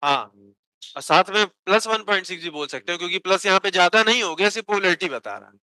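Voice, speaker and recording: A man teaching a physics lecture, asking his students questions and answering them himself, and dictating notes slowly. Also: high-pitched, expressive, pushed and bright, rough recording. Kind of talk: classroom lecture.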